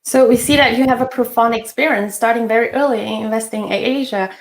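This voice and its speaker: A webinar host gives a polite, partly scripted introduction to a finance webinar, hesitating now and then. Her voice is a little high and quick, and the recording has a roomy echo.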